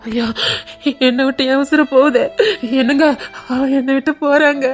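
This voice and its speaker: A middle-aged woman sobs and wails in exaggerated grief, played by a woman in a comic skit. She has a Tirunelveli Tamil accent and a very high voice. Her crying lament is melodramatic and theatrical. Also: normal speed, soft background music. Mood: wailing. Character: middle-aged woman wailing over her departing friend.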